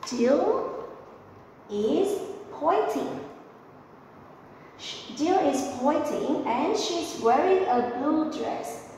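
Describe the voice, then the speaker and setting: Slow-talking woman teacher in an echoey room. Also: high-pitched, expressive, mellow. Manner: patient, repeats and corrects herself. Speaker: English teacher. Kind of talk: slow explanation of test answers for children. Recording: echoey room, voice far from the mic, faint noise.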